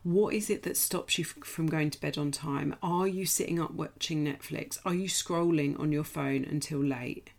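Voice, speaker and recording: A middle-aged woman with a British accent, croaky today, coaching a group through a morning routine in a direct, encouraging way. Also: low-pitched, fairly even intonation, moderate pace, few pauses, darkish tone. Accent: British English. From United Kingdom. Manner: direct and encouraging, checks in with "okay?". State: croaky, clearing her throat. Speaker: coach leading a group challenge. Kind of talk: casual live coaching talk.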